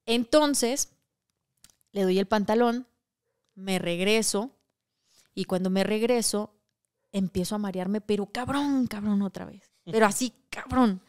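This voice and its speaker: Smooth-voiced Mexican woman telling a story. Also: medium pitch, measured pace, long pauses. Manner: animated, crude slang-heavy storytelling. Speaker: podcast co-host. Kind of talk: casual storytelling chat.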